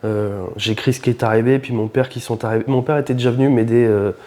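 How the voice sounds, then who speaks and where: A man, a shop founder and podcast guest, telling his own story in a lively, informal, first-person way. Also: mid-range voice, fast. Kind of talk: casual storytelling interview.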